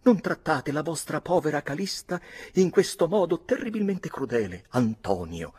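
A man voicing a melodramatic noblewoman widow, pleading in a high falsetto. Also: expressive, a little slow, a little mellow, breathy edge, heavily acted. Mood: distraught.

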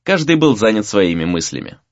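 A man reading a fantasy novel aloud as narrator, in a measured reading with varied emphasis. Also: on the low side, very animated, no room sound, muffled recording. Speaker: audiobook narrator.

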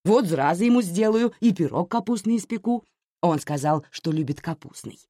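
A woman's voice: fairly low pitch, lively intonation, normal speed, mellow, no room sound, clean studio sound, pitched above the performer's own voice. A woman reading a story aloud, voicing a scolding, reproachful older mother who laments. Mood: self-satisfied.

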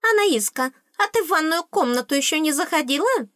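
A woman voicing a tiny, cheeky and grumpy female tooth fairy in an audiobook, with a shrill, squeaky, snappish voice. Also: animated, a little fast, a bit bright, no room sound, studio quality. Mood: sheepish. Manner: bratty, snappish. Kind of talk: audiobook character voice.

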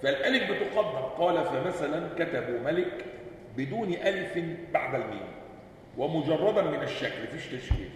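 Man, Egyptian Arabic accent, teaching lesson, quizzes listeners, spells words out, distant mic, booming reverb. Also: lively intonation, fairly quick, slight background noise. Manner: keeps checking in with listeners through rhetorical questions; spells words out letter by letter, drawing out key words. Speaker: sheikh teaching a class. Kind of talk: classroom lesson, reading a text aloud and explaining it. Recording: echoey hall, voice from far off.

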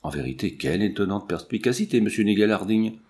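A man reading the lines of a proud, sharp-tongued young English lady in a cool, ironic, measured way. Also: lowish voice, animated, lightly acted.

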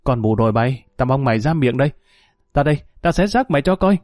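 Shrill spiteful old village woman, as a man puts her on. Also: animated, fast, darkish tone, dry recording, clean studio sound, lightly acted. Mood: shrieking abuse. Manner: screeching, abusive.

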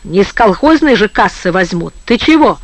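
A man's voice: high voice, sing-song, moderate pace, no echo, dull audio. A man reading an audiobook, voicing a tipsy, talkative sailor who mutters cheerfully. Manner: mumbling, chatty.

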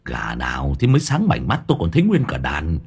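A man voicing a shrill village wife who rains rhythmic, relentless curses on a chicken thief in an audiobook. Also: wildly swooping pitch, a little fast, vocal fry, a little mellow, husky, exaggerated voice. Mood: cursing. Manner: rhythmic, relentless folk cursing. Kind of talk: audiobook character voice.

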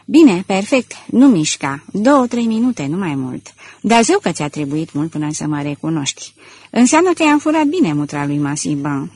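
A woman voicing a mocking gentleman thief. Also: fairly low pitch, very animated, breathy edge. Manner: sneering, playful. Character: gentleman thief, mocking, theatrical, confident man.

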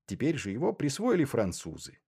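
Man narrating in a measured, dry tone. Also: medium pitch, wildly swooping pitch, mellow, slightly rough. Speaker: audiobook narrator. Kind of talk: first-person literary narration.

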